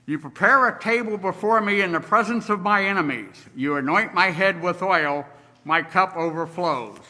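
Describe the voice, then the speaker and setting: Male liturgist, solemn measured reading, bright tone, lectern mic in a big echoing church. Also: high-pitched. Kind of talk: leading worship and reading scripture. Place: large church sanctuary. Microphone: lectern microphone. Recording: distant mic, long church reverb.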